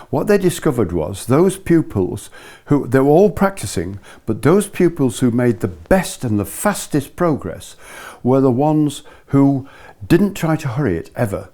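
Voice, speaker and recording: A man's voice: medium pitch, warm tone. An older man giving a hands-on lesson to a small group as a ski instructor, explaining patiently and methodically and repeating key points. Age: older, about 70s. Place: living room, indoors.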